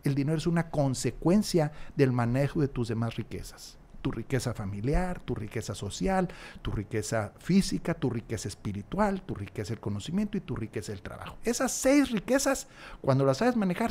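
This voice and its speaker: Recorded through a large stand-mounted studio mic in a small room, wearing headphones, a man guesting on a podcast speaks in a medium-pitched, darkish voice. In this casual interview he goes on at length, plays out small dialogues and repeats key phrases to drive them home.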